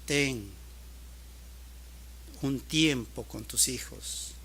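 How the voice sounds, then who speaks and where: A man preaching a sermon who shifts between quiet storytelling and loud, emphatic appeals. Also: medium pitch, extremely slow, husky. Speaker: pastor.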